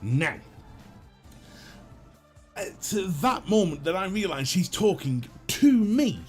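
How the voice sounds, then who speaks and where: Sweary, animated bloke. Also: male voice, high voice, slow, faint music behind. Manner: sweary, exasperated, comic. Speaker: streamer host. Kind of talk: casual storytelling chat.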